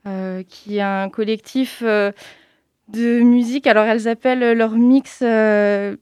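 A woman's voice: on the high side, fairly even intonation, a little slow, darkish tone, clear, resonant tone, no echo, studio quality. A woman talking as a radio guest in a casual interview, hesitant and full of fillers.

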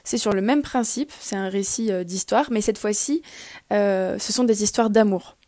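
Lady doing a chatty radio column, mellow tone, dry close sound. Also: medium pitch, no room sound. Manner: chatty and upbeat, with filler pauses. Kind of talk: scripted podcast recommendation.

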